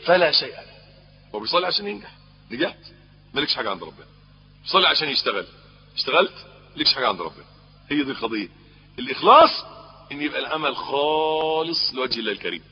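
A man with an Egyptian accent preaching an Islamic sermon, putting questions to his listeners and swinging between emphatic peaks and low, quiet passages. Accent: Egyptian Arabic. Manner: lively, rising to emphatic peaks, then dropping low; asks the audience questions. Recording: husky voice, long hall reverb, dull lo-fi sound.

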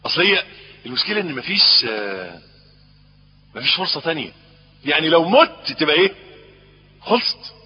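A man with an Egyptian accent preaching an Islamic sermon, putting questions to his listeners and swinging between emphatic peaks and low, quiet passages. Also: fairly quick, pauses often, soft background music. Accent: Egyptian Arabic. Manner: lively, rising to emphatic peaks, then dropping low; asks the audience questions. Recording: husky voice, long hall reverb, dull lo-fi sound.

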